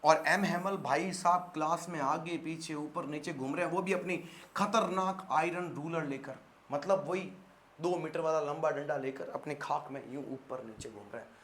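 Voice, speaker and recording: A man's voice: fairly high pitch, normal speed, fairly bright tone, slight background noise. A man from Rajasthan with a Marwari-tinged accent, teaching a bilingual lesson in a dramatic storytelling manner and talking straight to his students. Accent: Marwari-tinged Hindi. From Rajasthan, India. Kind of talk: animated bilingual lesson explanation. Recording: echoey room.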